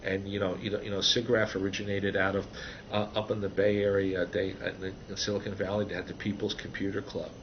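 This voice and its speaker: Low-voiced older man, rambling interview talk. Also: flat delivery, fast talker. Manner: rambling, many restarts and fillers. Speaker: interviewee, author of a book on computer animation. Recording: dull, slightly noisy recording.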